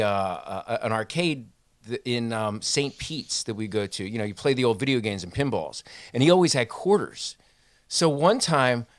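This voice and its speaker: A man co-hosting a podcast, telling stories in casual, profane chat and mimicking others in a higher voice. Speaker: podcast co-host.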